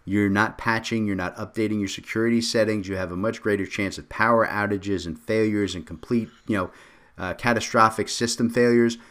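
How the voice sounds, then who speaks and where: A man co-hosting a podcast in casual discussion, lively and joking, often tagging his points with questions. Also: lowish voice. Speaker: podcast co-host.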